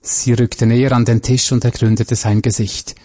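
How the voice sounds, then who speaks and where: A man reading a crime story aloud in a measured, even way. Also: mid-range voice. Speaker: narrator. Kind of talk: scripted story narration.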